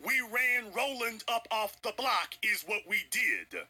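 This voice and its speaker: A man's voice: high-pitched, expressive, a little slow, bright, forceful tone, soft background music. A man giving a confrontational livestream commentary rant, emphatic and preachy, repeating lines for effect. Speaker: online political commentator.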